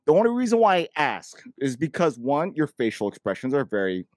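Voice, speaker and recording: A man's voice: on the high side, very animated, a little fast, dry recording. A man hosting a podcast in casual chat, talking with a slight lisp and many fillers. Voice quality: slight lisp from dental aligners. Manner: chatty, rambling with many fillers. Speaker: podcast host.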